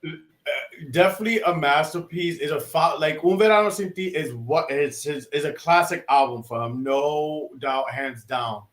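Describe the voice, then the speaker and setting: A man co-hosting a podcast in casual chat, excitable and rambling, with lots of restarts and fillers. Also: a little high, moderate pace, roomy sound. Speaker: podcast co-host.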